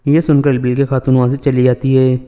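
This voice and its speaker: A man's voice: mid-range voice, little pitch movement, dark tone, clean tone. A man narrating a scripted drama recap voice-over, retelling steadily and reading out every character's lines.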